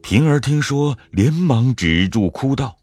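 A man narrating an audio drama in a measured storytelling manner. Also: mid-range voice, lively intonation, darkish tone, faint music behind.

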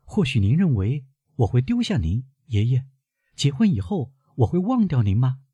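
A worried young woman presses her grandfather with one urgent question after another, as a male narrator lifts his voice for her. Her tone is husky and breathy, and it sits close and dry with no room around it. This is storybook reading. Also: mid-range voice, sing-song, normal speed, warm tone, dry recording, voice pushed up. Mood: anxious pleading.

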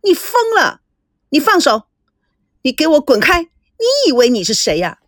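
A woman voicing a distraught young woman who pleads and shouts through tears. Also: high voice, expressive, normal speed, no room sound, clean studio sound. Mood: furious. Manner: urgent, pleading then shouting.

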